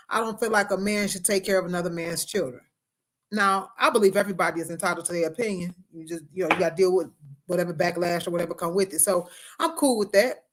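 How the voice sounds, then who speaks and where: Female relationship coach, casual and emphatic livestream delivery, mid-pitched, slight retainer-affected articulation. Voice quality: slightly impeded speech from wearing a retainer and braces. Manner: emphatic, conversational, repeats key phrases for effect.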